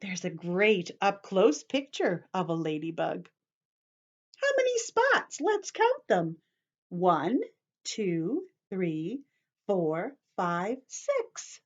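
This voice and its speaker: Speaking extremely slowly, a woman teacher lets her medium-pitched voice swoop wildly as she reads to small children. She keeps her explanations simple, repeats things, and stops to put questions to them, and the lo-fi audio sounds slightly dull.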